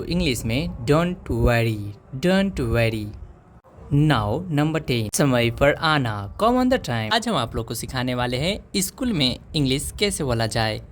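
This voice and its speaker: A male English teacher with a lively, rising-and-falling voice, working through simple phrases at an unhurried pace. He stretches out each English phrase and says it twice. A faint hiss sits underneath the recording. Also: medium pitch. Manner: slow, drawn-out repetition of English phrases. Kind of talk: spoken English lesson.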